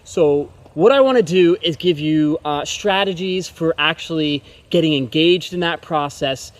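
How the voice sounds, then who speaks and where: A man presents a motivational self-help lesson directly to his audience, his voice sitting a little higher than most men's. He talks in a loose, conversational way, tagging his points with "okay?" and quickening when he gets to the important parts. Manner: conversational, tags lines with "okay?", speeds up on key points.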